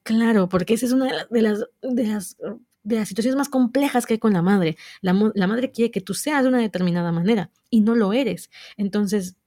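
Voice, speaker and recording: A woman's voice: medium pitch, dark tone, no room sound, studio quality. A woman casually recapping a manga, chatty and explanatory, often checking in with the listener. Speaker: manga reviewer.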